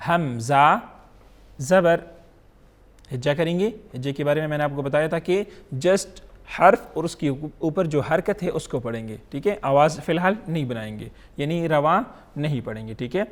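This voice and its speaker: A man teaching Quran recitation in an online lesson, drawing out each letter sound slowly and checking in often with short questions. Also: a little high.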